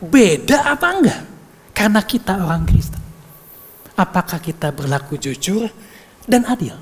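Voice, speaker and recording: A woman preaching a sermon in a playful, conversational way, full of rhetorical questions and quick "ya" check-ins to the congregation. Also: mid-range voice, very animated, slightly rough. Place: church hall. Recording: long hall reverb.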